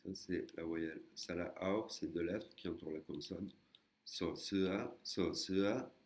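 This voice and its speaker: A man's voice: low-pitched, measured pace, a little mellow. A man teaching a language lesson, explaining patiently step by step with frequent hesitations. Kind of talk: screen-recorded lesson.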